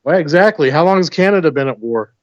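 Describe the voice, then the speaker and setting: An American man calls in as a guest, chatting casually and pushing his opinions with rhetorical questions. His voice is a little high, animated and fast. The call audio is dull, lo-fi and dry.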